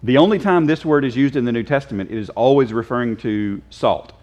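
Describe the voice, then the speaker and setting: A man's voice: mid-range voice, brisk, darkish tone, lo-fi sound. A man teaching a casual Bible class, joking and quizzing his students. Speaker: Sunday school teacher. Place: church classroom.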